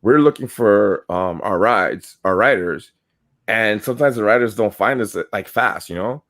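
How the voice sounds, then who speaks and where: In a casual podcast conversation, a co-host from New York with a fairly low voice, speaking at a normal pace, rambles through animated, curse-heavy stories.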